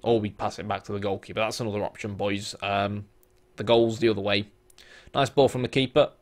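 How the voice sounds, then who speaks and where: A gaming YouTuber who is losing his voice talks casually through a football management game at a fairly quick pace and a fairly low pitch. He thinks aloud with lots of fillers, breaking into bursts of excited play-by-play.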